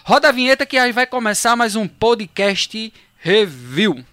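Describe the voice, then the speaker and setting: A man with a Brazilian Portuguese accent, hosting a podcast and asking formal, measured questions. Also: high voice, sing-song, sharp tone, smooth. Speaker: podcast host. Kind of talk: podcast interview.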